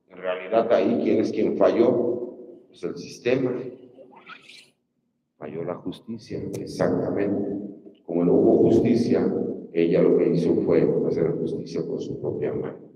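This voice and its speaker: A man's voice: deep voice, unhurried, muffled recording, a little hiss or hum. A Mexican man giving an emphatic campaign speech as a judicial candidate, often putting rhetorical questions to his listeners. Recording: distant mic in a reverberant hall.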